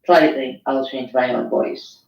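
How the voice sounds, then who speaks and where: A woman co-hosting a casual podcast, rambling and crude in animated banter. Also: rumbling low, a little slow, dull audio. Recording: roomy echo.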